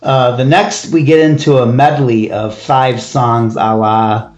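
A man's voice: mid-range voice, steady tone, slow pace, a little mellow, echoey room, dull audio. A man co-hosting a casual album review chat, enthusiastic and steering the track-by-track talk. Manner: enthusiastic, leads the track order and asks his partner's view. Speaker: podcast co-host reviewing an album.

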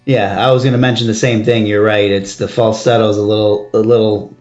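Enthusiastic low-voiced man in a roomy space. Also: little pitch movement, a little fast, darkish tone, muffled recording, soft background music. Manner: enthusiastic, leads the track order and asks his partner's view. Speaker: podcast co-host reviewing an album. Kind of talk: casual chat.

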